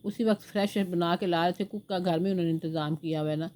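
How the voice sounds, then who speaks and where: A woman's voice: lowish voice, fairly even intonation, quick pace, warm tone, slight background noise. Chatty older grandmother with a sore throat. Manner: chatty, rambling storytelling, baby talk to the grandchild. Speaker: home vlogger and grandmother. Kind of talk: casual home vlog chat. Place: at home, indoors, sitting with a baby.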